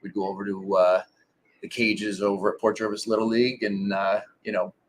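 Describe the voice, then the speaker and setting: A man in his forties, a former pro ballplayer, telling stories in a relaxed interview with lots of fillers. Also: fairly low pitch, a little fast, a little hiss or hum. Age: 40s. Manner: relaxed storytelling with many fillers. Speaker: guest, former pro baseball pitcher. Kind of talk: casual interview.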